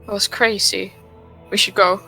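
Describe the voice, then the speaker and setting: A woman's voice: medium pitch, level tone, moderate pace, creaky, sharp tone, soft background music. A woman playing a tabletop role-playing game, casually talking through what her character says and does.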